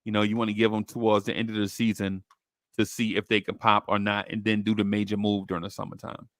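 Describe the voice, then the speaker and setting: A man's voice: on the low side, level tone, quick pace, fairly bright tone, no room sound, studio quality. A man hosting a sports talk show with casual, slangy banter, repeating phrases for emphasis.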